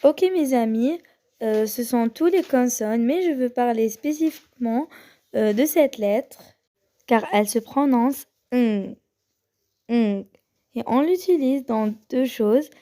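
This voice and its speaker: Slow-talking woman teaching the Korean alphabet. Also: on the high side, mellow. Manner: slow, hesitant, with many pauses and fillers; repeats each sound slowly for the learner. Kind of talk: casual lesson on the Korean alphabet.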